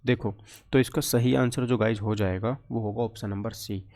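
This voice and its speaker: This physics exam coach has a fairly low, steady, slightly mellow voice and talks at a moderate pace. He teaches conversationally, regularly asking questions and then answering them on his own.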